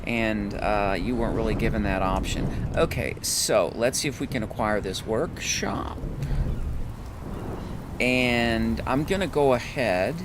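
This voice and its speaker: A hoarse man casually commenting on his gameplay as a let's play host, thinking aloud and correcting himself. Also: fairly low pitch, measured pace, noisy background.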